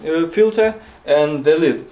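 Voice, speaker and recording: A man in his twenties with a Lithuanian accent, explaining things casually to camera in a hesitant, halting way. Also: fairly high pitch, phone-quality sound. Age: 20s. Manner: hesitant, halting with repeated words. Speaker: student interviewee. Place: small indoor kitchen. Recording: echoey kitchen with audible background noise.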